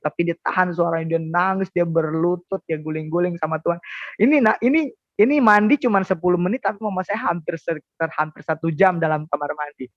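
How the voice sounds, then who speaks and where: A man's voice: a little high, no room sound. Man telling his testimony, dull sound. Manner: halting, repeats and restarts words. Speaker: guest sharing a conversion testimony. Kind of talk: emotional personal testimony.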